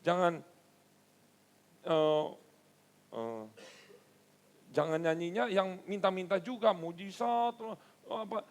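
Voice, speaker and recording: A male pastor preaching a sermon, animated and storytelling, with rhetorical questions to the congregation. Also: high voice, slow pace, pauses often.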